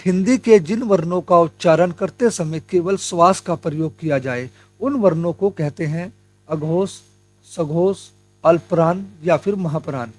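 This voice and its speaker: A young man with a fairly high voice runs an exam-prep grammar lesson, talking to his viewers as friends. He goes step by step, asks his own questions and answers them. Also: unhurried, a little mellow. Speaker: Hindi grammar teacher.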